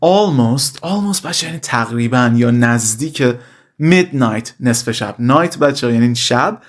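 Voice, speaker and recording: A male language teacher who pronounces example phrases slowly and deliberately, then explains them quickly and casually, often calling his students "kids". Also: mid-range voice, expressive. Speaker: English teacher. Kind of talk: language lesson, explaining in Persian.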